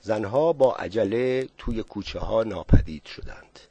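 A man reading a story aloud with calm, even narration. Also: fairly low pitch, slightly rough, no room sound.

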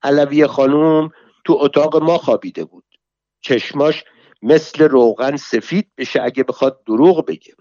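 A devout, earnest man, played by a male reader, swearing solemnly in a steady, even voice. The sound is dull and lo-fi, dry and close. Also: fairly high pitch, no room sound, lightly acted.

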